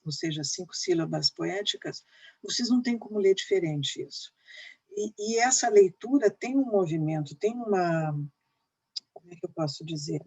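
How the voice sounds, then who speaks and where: Woman, literature teacher, husky and breathy voice, explanatory lecture, leans on fillers. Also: mid-range voice, a little mellow. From Brazil. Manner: explanatory, frequent "né" fillers, tapping out rhythm. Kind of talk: lecture with poetry reading.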